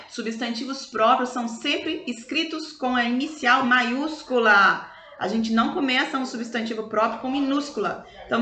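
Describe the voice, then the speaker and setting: A Brazilian woman teaching schoolchildren in a recorded review lesson, explaining slowly and stretching out example words in a sing-song way. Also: high-pitched, sharp tone. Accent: Brazilian Portuguese. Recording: echoey room.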